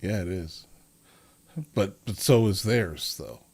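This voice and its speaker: Male reaction host, fairly low voice, blunt and joking, casual. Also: slow, a little mellow, breathy edge.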